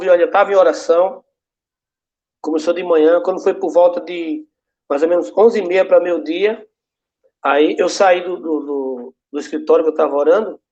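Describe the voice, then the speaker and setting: Male pastor, high lively voice, storytelling testimony, dull lo-fi sound. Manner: storytelling, acting out both sides of dialogues. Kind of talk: testimony preached to a congregation. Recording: dull lo-fi recording.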